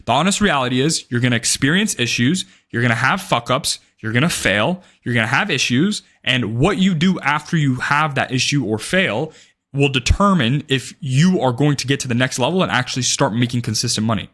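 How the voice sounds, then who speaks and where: Brisk and animated, a mid-range, fairly bright voice belongs to a day trading vlogger of about twenty. Looking straight into the camera, he gives blunt, emphatic advice, swears freely, and frequently ends points with "right?".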